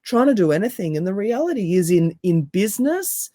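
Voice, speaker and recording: A woman with a deep, raspy voice and an Australian accent, speaking emphatically as a coach in a podcast interview and firing off rhetorical questions. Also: sing-song, brisk, dark tone, no echo, studio quality. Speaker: NLP coach and hypnotherapist, guest.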